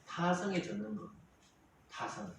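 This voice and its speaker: A man preaches in a lively, rising and falling voice pitched somewhat high. He is heard from a distance in a very echoey church hall with faint noise. He acts out the quarrels in character voices. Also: unhurried. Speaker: pastor. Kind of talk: sermon. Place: church sanctuary.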